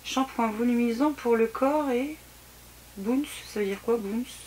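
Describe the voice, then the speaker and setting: A beauty vlogger talks casually through a beauty box unboxing in a slightly high, mellow voice, taking her time. She sounds hesitant and keeps restarting her sentences. Faint background noise and clicks are audible.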